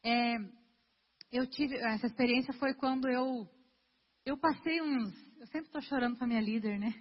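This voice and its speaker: A young woman preaches in an earnest, chatty way, often speaking directly to the congregation. Her voice is high and a little husky. It comes through a dull, lo-fi recording with a long reverb from a church hall. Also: normal speed. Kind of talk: sermon.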